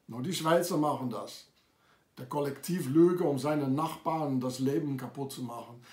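A man's voice: medium pitch, normal speed, darkish tone, reverberant. A man delivering an accusatory, insistent monologue to camera, with frequent hesitations. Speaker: video maker. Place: lives in France.

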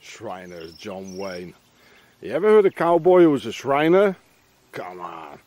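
Out on a country path, a middle-aged man vlogs as he walks, ranting through a wandering monologue with frequent tag questions. His voice sits on the low side, a little mellow, with big pitch swings and an unhurried pace. The recording is dry and the audio dull.

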